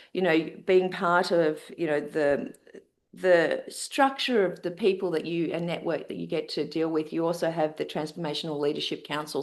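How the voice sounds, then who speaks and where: Hosting a podcast interview, this woman from Australia speaks with an Australian accent in an effusive manner, with plenty of fillers and restarts. Her voice is slightly mellow and lowish.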